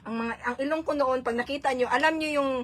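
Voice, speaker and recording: A chatty Filipina with a Visayan accent, talking casually on a phone live stream. Her voice sits a little high, and she laughs often. She slips freely between languages. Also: fast talker, fairly bright tone. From Philippines. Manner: chatty, laughs often, mixes Tagalog, Cebuano and English.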